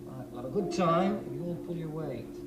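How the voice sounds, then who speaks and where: An actor playing a middle-aged schoolteacher, strict but joking, with an emphatic, lively delivery in a 1980s TV drama. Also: male voice, on the high side, brisk, background noise, close to an everyday voice. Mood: stern, teasing. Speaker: schoolteacher briefing his pupils. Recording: roomy TV soundtrack with music behind.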